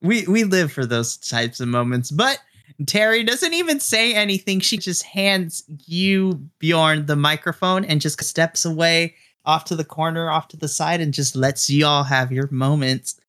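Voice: mid-range voice, animated, unhurried, fairly bright tone. A game master narrating a wrestling tabletop game with enthusiasm and frequent laughs.

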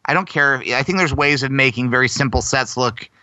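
Bright, crisp-voiced American man chatting. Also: mid-range voice, a little fast, no echo, poor audio. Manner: chatty storyteller, laughs often, self-deprecating. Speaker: guest performer. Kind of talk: casual interview chat.

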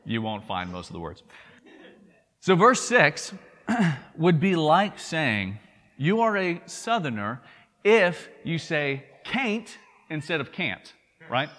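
Man, Southern accent, pastor, earnest sermon, repeats words, fairly high pitch, reverberant hall. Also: big pitch swings, slow, pauses often, a bit bright. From Tennessee. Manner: earnest, repeats words, asks "right?" often.

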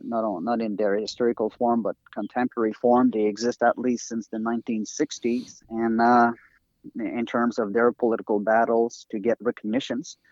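French-accented man, native French, interview guest, halting delivery full of "uh"s, dry dull lo-fi recording. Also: mid-range voice, level tone, a little mellow, no echo. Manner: halting, many fillers and restarts. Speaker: guest researcher and author. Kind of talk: interview talk over a call.

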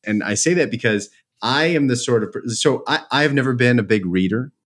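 A company co-founder on a podcast talks casually, sharing personal stories with enthusiasm and self-deprecating humor, often restarting his sentences. His mid-range voice is expressive and a bit bright, and he speaks slightly fast.

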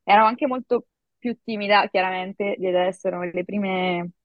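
A woman in her thirties, an actress and acting coach, telling a story in a lively podcast chat, full of fillers. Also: medium pitch, moderate pace, no room sound, lo-fi sound. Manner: animated storytelling with many fillers. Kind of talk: casual podcast conversation.

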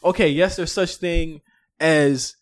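A man hosting a casual podcast chat, laughing often and teasing his co-hosts in quick bursts. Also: on the high side, fairly even intonation. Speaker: podcast host.

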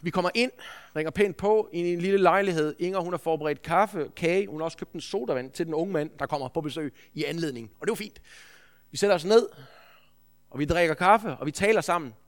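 A man preaching a sermon, telling a story in an earnest, anecdotal way with frequent restarts. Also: fairly high pitch. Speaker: preacher, school head.

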